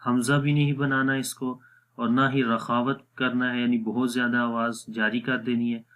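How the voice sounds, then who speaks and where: A man teaching a Quran recitation lesson, explaining pronunciation and drawing out each sound slowly to demonstrate it. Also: mid-range voice, level tone, fairly bright tone, clean tone. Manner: drawn-out demonstrative pronunciations of letters.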